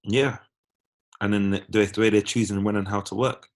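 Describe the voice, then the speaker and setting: A man's voice: on the low side, fairly even intonation, normal speed. A man giving opinions in casual discussion, making his points emphatically in short phrases.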